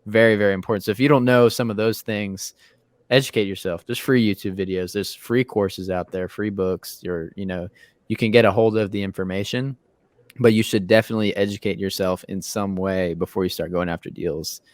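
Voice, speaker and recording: A man's voice: fairly low pitch, steady tone, a little fast, dry recording. A twenty-two-year-old man hosting a casual podcast interview, talking conversationally with repeated words, "you know," and "bro.". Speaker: podcast host.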